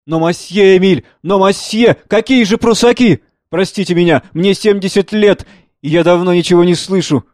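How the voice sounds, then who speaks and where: A man's voice: high voice, moderate pace, no echo, clean studio sound, pitched above the performer's own voice, natural voice. Man putting on a frantic deaf old gardener. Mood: pleading. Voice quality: cracking, shouting old voice. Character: seventy-year-old male gardener, stubborn, deaf, frantic. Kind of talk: dramatic play reading.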